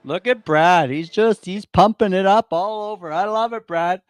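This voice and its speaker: A man's voice: high voice, moderate pace, clean tone, no echo. A man hosting a casual talk show, encouraging his guest and often repeating short phrases. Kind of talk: casual chat, interviewing.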